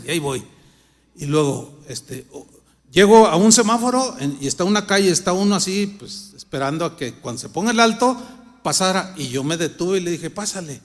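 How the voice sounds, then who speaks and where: A middle-aged man with a Mexican accent preaches in a conversational, humorous way, voicing his own thoughts as he tells a story. His voice sits high, and it carries a long reverb of a large church hall. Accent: Mexican Spanish. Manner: reads scripture louder and slower. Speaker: pastor. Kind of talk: sermon.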